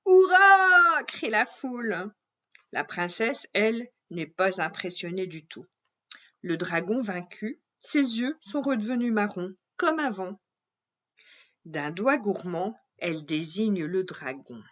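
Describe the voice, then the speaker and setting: A woman reading a children's story aloud in a gentle, expressive way. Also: on the low side, slow pace, dull audio.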